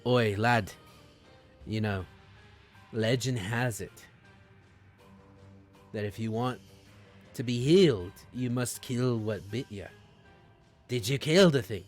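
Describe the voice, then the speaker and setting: A man voicing an old, bow-legged male dwarf leader who spins rambling, chummy yarns in a rough folksy accent. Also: mid-range voice, slow, pauses often, faint music behind, lightly acted. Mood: coaxing. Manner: chummy, rambling yarn-spinner.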